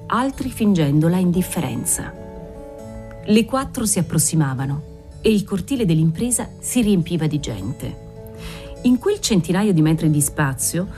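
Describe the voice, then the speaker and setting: Low, mellow woman reading a novel. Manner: measured, descriptive reading. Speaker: audiobook narrator. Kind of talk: scripted narration.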